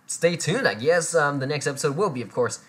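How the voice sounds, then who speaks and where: Bubbly, lively gaming commentator. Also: mid-range voice, a little fast. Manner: giggly, chatty, self-deprecating. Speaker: gaming channel host. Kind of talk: let's play commentary.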